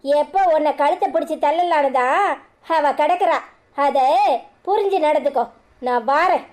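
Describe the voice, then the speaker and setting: A woman's voice: high-pitched, moderate pace, darkish tone, natural voice. A woman voicing a bitter mother-in-law in a cartoon serial, cursing and warning in a Kanyakumari Tamil accent.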